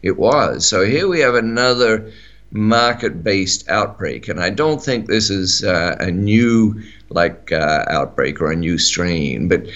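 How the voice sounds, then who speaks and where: A man's voice: deep voice, animated, slow pace, fairly bright tone, lo-fi sound. A middle-aged man with an Australian accent, chatting on talk radio, rambling with many fillers and restarts. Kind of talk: casual talk radio chat.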